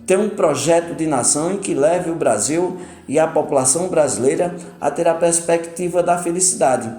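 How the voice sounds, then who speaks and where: Measured man, echoey room, Pernambuco accent. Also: a little high, warm tone. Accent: Pernambuco Brazilian Portuguese. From Brazil. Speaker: union leader interviewed. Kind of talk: recorded interview statement.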